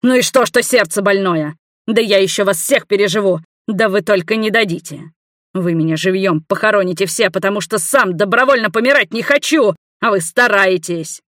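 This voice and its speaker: A woman voicing a distraught man with a weak heart, shouting in slow, heavy anguish in an audiobook. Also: mid-range voice, no room sound, studio quality, pitched above the performer's own voice, lightly acted. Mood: angry phone rant.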